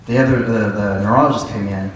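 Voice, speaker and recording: A man telling his testimony in church, animated, acting out the dialogue as he tells his story. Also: fairly low pitch, fast, slight background noise. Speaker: church member giving a testimony. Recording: echoey church hall, voice heard from a distance.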